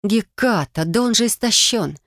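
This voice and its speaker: A woman voicing a young witch, speaking higher and more urgently, sometimes scolding. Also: brisk, a little mellow, no echo, studio quality, natural voice. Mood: alarmed.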